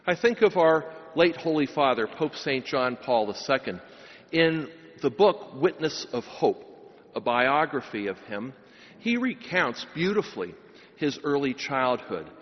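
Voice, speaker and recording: The recording is dull and drenched in long church reverb as a middle-aged pastor preaches and offers a blessing at the pulpit microphone of a large church. He speaks at medium pitch, very animated yet unhurried, building emphatic, rising phrases.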